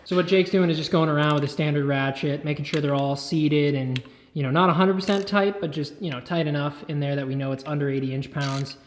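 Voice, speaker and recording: A man's voice: on the high side, fairly even intonation, a little fast, slight background noise. A man co-hosting a casual workshop vlog, joking and laughing often as he works on an engine. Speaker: channel co-host.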